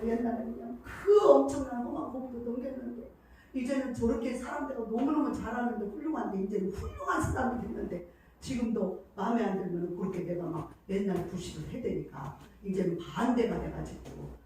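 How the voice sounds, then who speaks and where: A woman's voice: medium pitch, mellow, slight background noise. A middle-aged woman pastor preaching a sermon, telling stories emotionally with many fillers. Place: church sanctuary. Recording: echoey hall from far off.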